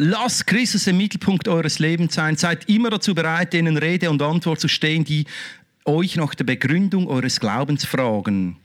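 Fervent high-voiced Swiss preacher man. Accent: Swiss German. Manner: exclamatory, fervent, peppered with rhetorical questions. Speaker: pastor. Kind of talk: sermon.

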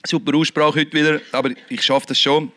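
A man preaching a lively sermon, shifting between loud exhortation and quiet, earnest talk. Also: fairly high pitch, brisk, dry recording. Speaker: pastor.

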